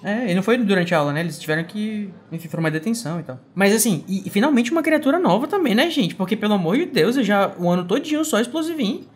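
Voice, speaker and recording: A man's voice: sits high, animated, quick pace, few pauses, husky. A man co-hosting a casual book-club podcast, chatty and full of little tag questions. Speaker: podcast co-host.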